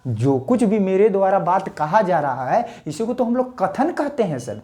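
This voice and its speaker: Speaking to camera, a male grammar teacher with a Bihari accent keeps things chatty and full of jokes, addressing viewers as "sir." His high, warm voice swings widely in pitch at a moderate pace as he poses questions and then supplies the answers.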